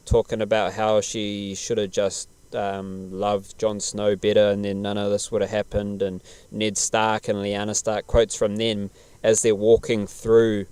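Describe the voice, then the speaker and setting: A man's voice: on the low side, little pitch movement, measured pace, darkish tone, clean tone, no echo. A man chatting casually as a podcast host, laid-back, slangy and rambling. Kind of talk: casual podcast chat about television.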